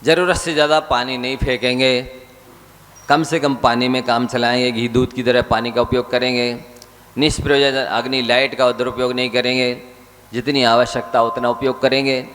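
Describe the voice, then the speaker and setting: A man's voice: medium pitch, a bit bright. A male Jain monk delivering a sermon, urging his listeners and asking them rhetorical questions. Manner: exhorting, rhetorical questions to audience. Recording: hall reverb with faint ambience.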